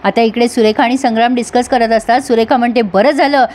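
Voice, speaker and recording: A woman's voice: on the high side, flat delivery, quick pace, darkish tone. A woman recapping a TV serial episode in chatty storytelling, talking to her viewers.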